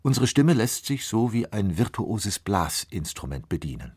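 Low-voiced male radio narrator. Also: big pitch swings, a little mellow, no echo. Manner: smooth, measured scripted delivery.

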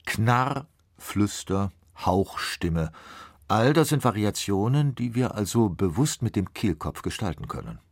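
A man narrating a radio feature in a smooth, measured, scripted way. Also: fairly low pitch, sing-song, no room sound, studio quality.

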